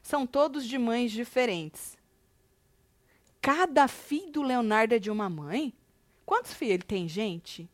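A woman's voice: on the high side, expressive, unhurried, no room sound. A woman co-hosting a celebrity gossip show, chatty and teasing, reading out viewer comments.

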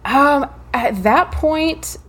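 A young woman guest in an interview, talking quickly and eagerly about her path into writing. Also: sits high, fairly bright tone. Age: young adult. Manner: quick, enthusiastic, quotes her own thoughts. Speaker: guest, writer. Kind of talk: conversational interview.

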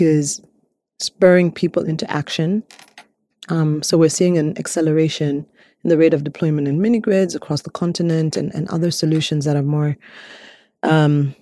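A woman from Malawi, a clean energy innovator, answering interview prompts in a thoughtful way, often pausing with ums and restarting her sentences. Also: sits low, mellow, no echo, studio quality.

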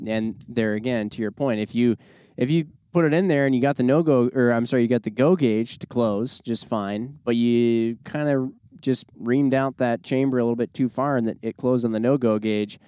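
Smooth-voiced man in casual, curious conversation. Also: medium pitch, moderate pace, dark tone, no echo, clean studio sound. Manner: informal, curious, joking. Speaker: host asking questions.

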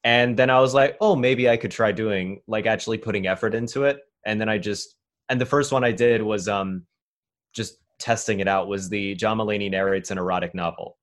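Fairly quick and on the low side, this New York City man in his twenties is a stand-up comic giving a relaxed interview, his chatty, meandering talk packed with filler words.

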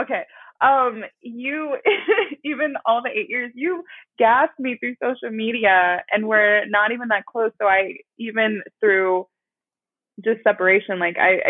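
Casting note: twenties woman host, breathy, affirming, phone-line sound. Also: a little high, dry recording. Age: 20s. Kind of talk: casual chat.

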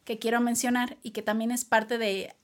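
High-voiced chatty woman. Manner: chatty, expressive, quick asides to listeners. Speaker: podcast co-host. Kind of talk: casual chat reviewing a K-drama.

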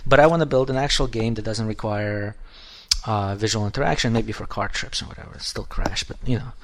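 Man, 30s, podcast co-host, loose chatty delivery, sentences start over a lot, voice going hoarse. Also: lowish voice, a little fast. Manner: rambling, restarts often, swears casually. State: losing his voice. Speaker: podcast co-host, app developer. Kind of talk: casual podcast chat.

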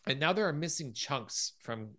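A man's voice: a little high, expressive, moderate pace, fairly bright tone. A man hosting a podcast, casually retelling a film scene by scene and acting out quoted lines. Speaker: podcast host.

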